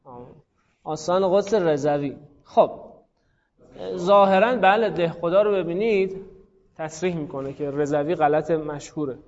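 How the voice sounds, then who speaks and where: Guy teaching a class, calls on students, thinks out loud, slightly high voice, dull echoey recording. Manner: questioning students by name, thinking aloud. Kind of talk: classroom lesson on Arabic grammar.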